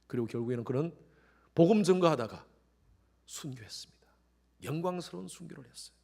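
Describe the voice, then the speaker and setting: Korean pastor preaching with dramatic swings. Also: male voice, fairly high pitch, fairly quick, vocal fry. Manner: dynamic preaching, sudden loud rises and quiet drops; acts out quoted voices with animated shifts. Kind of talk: sermon.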